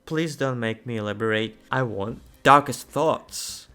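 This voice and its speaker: A man's voice: medium pitch, a little slow, clear, resonant tone. Man reading aloud with nervous asides. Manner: reads text aloud with frequent excited and nervous asides. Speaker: YouTuber. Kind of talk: casual reaction reading aloud.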